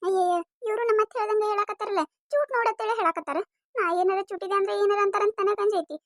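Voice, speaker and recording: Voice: very high voice, steady tone, racing, no room sound, clean studio sound. A voice actor playing a naive, defensive young village daughter-in-law with a North Karnataka accent in a cartoon comedy. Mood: plaintive.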